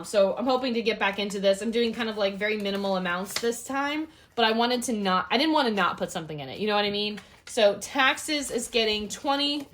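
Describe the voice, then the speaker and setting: A woman's voice: mid-range voice, a bit bright, a little hiss or hum. A woman chatting casually to viewers while counting cash into budget envelopes, upbeat and talkative. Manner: bubbly, upbeat, addresses viewers as y'all. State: has the hiccups. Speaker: budgeting vlogger.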